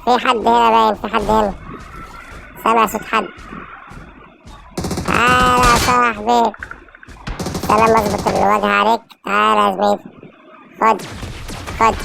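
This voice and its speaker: A woman with an Egyptian accent giving excited live gameplay commentary, urging her teammates on with frequent shouted calls. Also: on the high side, normal speed, creaky, pauses often, noisy background. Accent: Egyptian Arabic. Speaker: gamer streamer.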